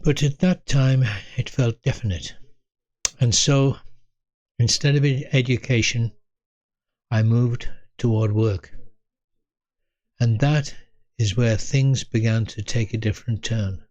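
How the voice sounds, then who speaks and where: Reminiscing to camera in his own video series, an Englishman in his eighties from North East England speaks in a mid-pitched voice with a steady, darkish tone. He delivers short, measured phrases with pauses, very unhurried, and the recording is dry and close, without room echo, its highs cut off.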